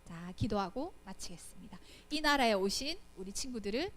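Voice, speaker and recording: A woman with a Gyeongsang Korean accent giving a children's Sunday school sermon. She tells the story in an animated way and keeps checking in with rhetorical questions. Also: mid-range voice, fairly quick. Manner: acts out quoted voices.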